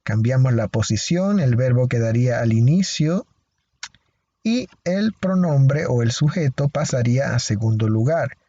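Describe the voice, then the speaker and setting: A man with a Panamanian Spanish accent teaching an English grammar lesson, speaking deliberately and repeating each example slowly and clearly. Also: medium pitch, expressive, mellow, muffled recording. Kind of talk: recorded lesson explanation.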